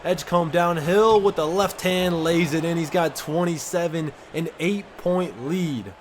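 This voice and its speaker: Male gamer, casual hype commentary, voice on the high side, light game noise under it. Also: measured pace. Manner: excited play-by-play, casual slang. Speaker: gaming content creator.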